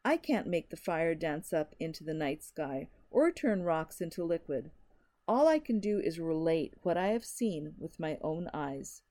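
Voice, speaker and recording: A woman voicing a desperate male stranger who pleads and shouts an urgent warning, in a frantic, rising manner. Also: low-pitched, animated, measured pace. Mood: scornful.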